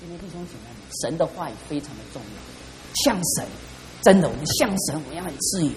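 A man's voice: fairly high pitch, very animated, a little fast, noisy background. A middle-aged man preaching a sermon as pastor, fervent and calling out to the congregation for responses. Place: church hall. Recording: reverberant church hall.

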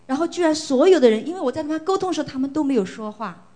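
A middle-aged Chinese woman gives her testimony as a church member during a service, speaking in a fairly high, warm voice. She is earnest, emotional and animated, talks very fast, and often repeats a phrase for emphasis.

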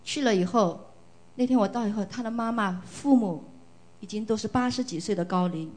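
A woman's voice: mid-range voice, brisk, darkish tone. A middle-aged woman from China giving an earnest, emotional church testimony, often repeating phrases for emphasis.

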